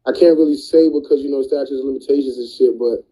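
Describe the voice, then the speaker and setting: Male music producer, interview guest; relaxed slangy delivery, very dark and raspy tone. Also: medium pitch, quick pace, rough recording. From New Jersey. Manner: laid-back, slangy, many "you know what I mean"s. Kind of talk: casual interview talk.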